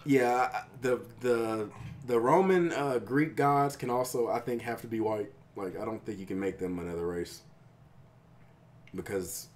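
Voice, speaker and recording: A man's voice: fairly low pitch, unhurried, darkish tone, slight background noise. A man co-hosting a casual podcast chat, explaining his views in a hesitant, thoughtful way with many fillers. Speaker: podcast co-host.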